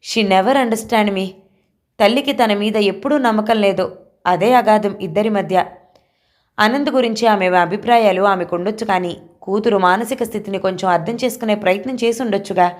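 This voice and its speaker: A woman narrating an audio novel in a steady, expressive storytelling manner. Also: mid-range voice, brisk. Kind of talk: reading a novel aloud.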